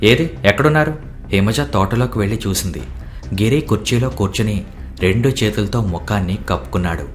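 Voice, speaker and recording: A man's voice: lowish voice, brisk, faint music behind. A man reading a novel aloud as an audiobook narrator, voicing every character himself. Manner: plays all the characters himself. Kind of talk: storytelling narration.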